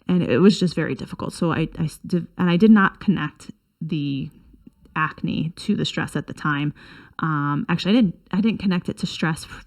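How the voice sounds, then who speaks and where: A woman in her thirties with a somewhat low-pitched voice shares personal advice. She talks in an earnest, chatty way and often pauses to restart her sentences. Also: darkish tone. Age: 30s. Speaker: wellness vlogger.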